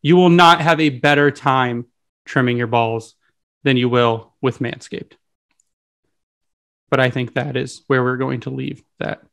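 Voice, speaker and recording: A man's voice: medium pitch, fairly even intonation, measured pace, vocal fry, long pauses, fairly bright tone. A man co-hosting a podcast in a teasing, joking way. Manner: jokey, teasing. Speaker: podcast co-host. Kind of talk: casual podcast chat and ad read.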